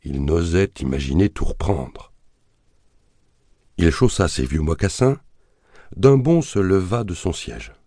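A man narrating a thriller audiobook in a measured, dramatic reading that colors the quoted lines. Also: deep voice, lively intonation, mellow, dry recording, studio quality. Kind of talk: scripted narration of a thriller novel.

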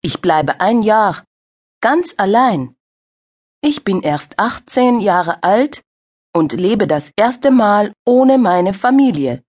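An actress playing a friendly young female participant in a scripted language-course dialogue, speaking slowly with clear diction. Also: mid-range voice. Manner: slow, clear, lively intonation.

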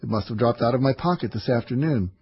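A husky-voiced man voicing an old man who begs gently and eagerly, on a slightly muffled audiobook recording. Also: mid-range voice, fast. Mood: pleading. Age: older. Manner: eager, begging.

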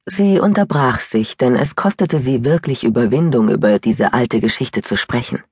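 A woman narrating an audiobook in a measured storytelling manner, close to a studio mic. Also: a bass voice, darkish tone, slightly rough, dry recording. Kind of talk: scripted narration.

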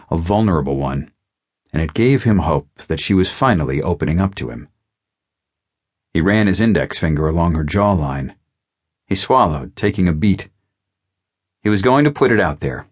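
Man, very deep voice, audiobook narrator, measured, intimate reading. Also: big pitch swings, slightly rough. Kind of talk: scripted narration of a romance novel.

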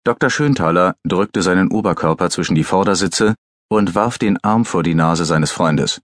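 Deep-voiced man narrating an audiobook. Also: moderate pace, no room sound, studio quality.

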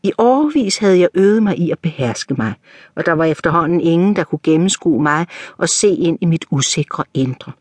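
A woman narrates a novel in the first person, measured and composed. Her voice sits a little low, and the audiobook recording is dry and close. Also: animated, a little mellow, breathy edge, dry recording.

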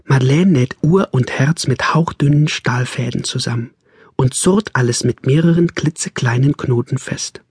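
A man narrating a novel in a calm, measured storytelling manner, close on a studio mic. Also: mid-range voice, husky, no echo. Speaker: audiobook narrator. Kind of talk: scripted narration.

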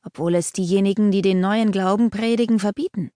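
A woman reading aloud gives voice to a hooded leper lord, a man who speaks in a high, eerie singsong and taunts with knowing menace. The tone stays mellow and dark, recorded close and dry for an audiobook. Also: fairly even intonation, a little fast, dry recording, lightly acted. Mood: menacing.

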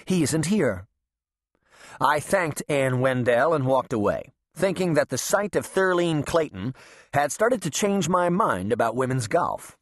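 A man's voice: on the high side, very animated, unhurried, no room sound, studio quality. A man narrating an audiobook in a wry, sardonic first-person voice. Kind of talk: scripted narration.

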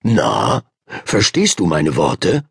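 A man voicing a kindly, mysterious older male owner of a magic pet shop in a children's audiobook, speaking gently and invitingly. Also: sits low, wildly swooping pitch, slow, vocal fry, breathy edge, no echo, studio quality, pitched below the performer's own voice, heavily acted. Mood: gentle. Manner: gentle, soft-spoken and inviting. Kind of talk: audiobook character voice.

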